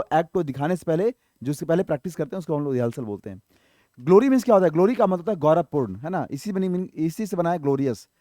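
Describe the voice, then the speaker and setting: For an exam-prep vocabulary lesson, a man explains English words one by one, spells some letter by letter, and poses questions to viewers that he answers himself. His voice is high-pitched with a darkish tone, recorded clean in a studio with no echo.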